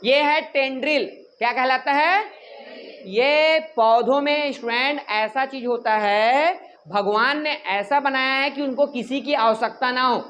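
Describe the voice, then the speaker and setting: In this lively lecture, a man with an extremely high pitch talks a little slowly while he jokes, quizzes and teases his class, snapping at the talkative students. There's faint noise under his voice throughout.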